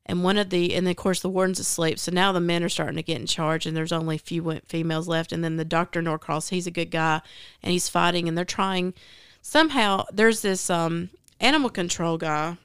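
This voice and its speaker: A woman's voice: on the low side, fairly even intonation, fairly quick, hardly any pauses, smooth, dry recording, studio quality. A woman with a Southern US accent hosting a casual book chat, retelling a story in a rambling way with many fillers. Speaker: podcast host.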